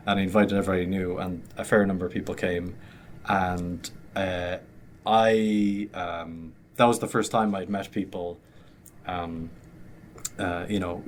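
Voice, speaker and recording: Deep-voiced and recorded with a bit of hiss or hum, a young Irishman in his twenties appears as a graduate student guest in a relaxed interview. He tends to ramble, restarting often and leaning on fillers.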